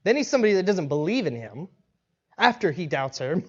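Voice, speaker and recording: A male pastor preaching in a casual, conversational way, animated and acting out bits of dialogue, often restarting his sentences. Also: sits high, a little fast. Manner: animated, acts out quoted dialogue, frequent restarts and laughs. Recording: dull lo-fi recording.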